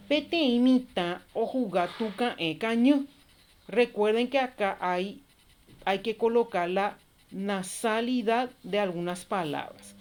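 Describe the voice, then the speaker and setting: Woman teacher, recorded class lesson, slow step-by-step explanations, mid-pitched voice. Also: slight background noise. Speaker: primary school teacher.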